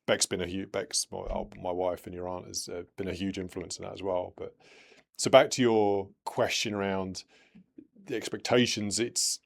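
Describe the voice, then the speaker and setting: A middle-aged man, hosting a casual podcast chat in a thoughtful, measured way that trails off softly at the ends of phrases. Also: low-pitched, little pitch movement, gravelly. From United Kingdom. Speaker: podcast host.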